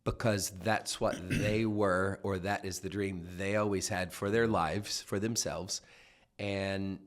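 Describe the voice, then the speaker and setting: A man hosting a podcast interview, listening attentively with frequent affirmations, then framing a measured question. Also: low-pitched, fairly even intonation. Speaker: podcast host. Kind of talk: interview conversation.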